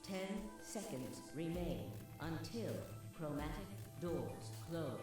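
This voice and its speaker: Actor as a flat game announcer voice, heavy echo, music underneath. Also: medium pitch. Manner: slow, flat countdown delivery. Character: cold, echoing automated announcer.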